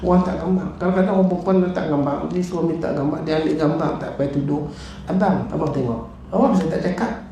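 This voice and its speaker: A middle-aged man with a Malaysian Malay accent, preaching in a lively mosque talk that jumps up and down in pitch as he acts out his stories. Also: quick pace, highs cut off. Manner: animated storytelling, acts out his wife and callers. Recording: echoey hall with faint noise.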